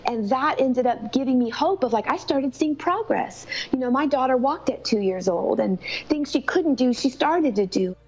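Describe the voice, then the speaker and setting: A woman's voice: high-pitched, expressive, normal speed, hardly any pauses, a little mellow, slightly rough. A woman telling a personal story of faith in an earnest, conversational way. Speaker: mother telling her daughter's illness story. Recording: slightly dull, lo-fi sound.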